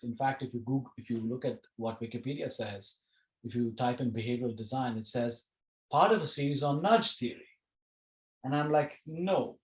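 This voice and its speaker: A man's voice: medium pitch, a little mellow, echoey room, rough recording. A man teaching an online class over a video call, talking casually and often restarting his phrases. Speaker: course instructor.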